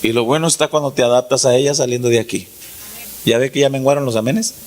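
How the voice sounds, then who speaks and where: A man preaching a sermon as pastor, pausing dramatically and acting out quoted dialogue. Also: mid-range voice, fairly even intonation, a little mellow.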